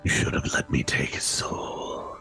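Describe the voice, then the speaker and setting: Whispering, bloodthirsty demon blade. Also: male voice, pushed and bright, soft background music. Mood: hungry, accusing. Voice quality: breathy, hoarse whisper. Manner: sinister, coaxing, slow. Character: bloodthirsty sentient blade whispering inside its wielder's head.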